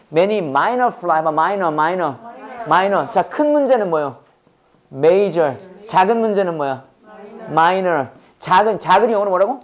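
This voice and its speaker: Man drilling English words. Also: high-pitched. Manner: drills students with repeated call-and-response questions; exaggerated pronunciation demonstrations. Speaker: English teacher. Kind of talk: Bible-based English lesson to a class.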